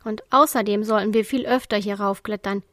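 A woman's voice: mid-range voice, fairly even intonation, a little fast, fairly bright tone, no echo, lightly acted. A woman voicing an upbeat young male character in a children's story, cheerful and reassuring.

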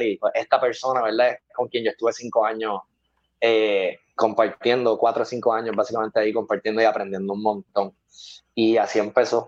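A man telling stories from his weightlifting years in a casual interview. He is animated and laughs often, and he acts out the people he quotes. The recording sounds dull and lo-fi. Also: medium pitch. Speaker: weightlifting athlete and guest.

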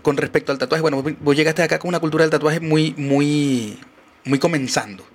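A man's voice: on the high side, brisk. A man hosting a podcast, asking his guest questions in a casual, chatty way. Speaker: podcast host. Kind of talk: casual interview chat.

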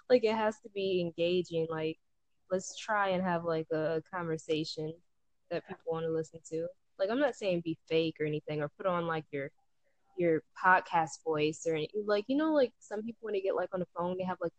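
A woman's voice: fairly low pitch, moderate pace, a little mellow, no echo, low-quality recording. A young woman in casual chat about starting a podcast, laughing often and filling her talk with "like". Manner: chatty, laughs often, lots of "like". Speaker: aspiring podcaster.

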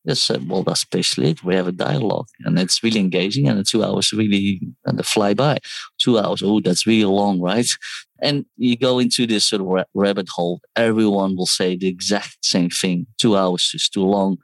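This startup founder and design teacher, a man born in South Korea and raised in the Netherlands, has a gravelly, lowish voice at an ordinary pace. The audio is dry and poor. As a guest in a conversational interview about his work, he speaks thoughtfully, restarts words and quotes other people in asides.

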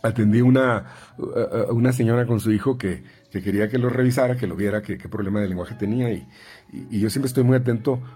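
A man with a Mexican Spanish accent, working as a speech therapist, gives parents numbered advice conversationally, with plenty of fillers, repeats, and restarts, imitating parents and children in raised voices. He talks fast with a dark, breathy-edged voice, faint music behind him.

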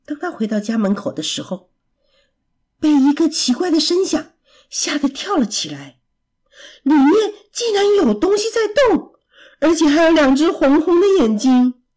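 A woman storyteller reading a children's story aloud in an expressive, lively way. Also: sits high, normal speed.

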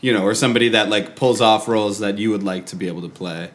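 A man's voice: lowish voice, fast talker, a little hiss or hum. A man co-hosting a casual interview, joking and easygoing as he asks questions. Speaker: podcast co-host.

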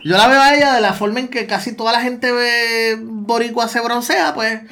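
A man's voice: very high voice, pushed and bright. Brief: Puerto Rican male co-host, casual talk, stumbles and restarts as he thinks aloud. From Puerto Rico. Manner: halting, many restarts and repeated words. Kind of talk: casual discussion.

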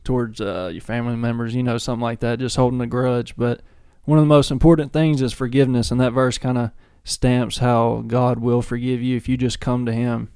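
A man's voice: medium pitch, level tone, a little fast, few pauses, a little mellow, clear, resonant tone, dry recording, studio quality. A young man co-hosting a podcast, earnestly talking through a verse and what it means. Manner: earnest, reflective when explaining a verse. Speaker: podcast co-host. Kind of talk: casual chat with friends.

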